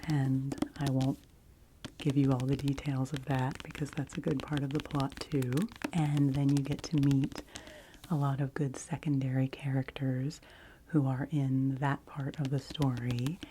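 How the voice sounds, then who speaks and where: Slow, hushed library whisper from a woman. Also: extremely low pitch, flat delivery. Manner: hushed library whisper, slipping into very soft speaking. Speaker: ASMR book reviewer. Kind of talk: ASMR soft-spoken book review. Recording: noisy close recording with clicks and tapping.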